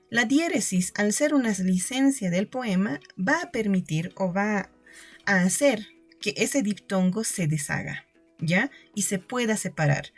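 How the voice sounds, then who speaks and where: A woman teacher giving a recorded lesson, explaining step by step and checking in with her students. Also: mid-range voice. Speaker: secondary school teacher.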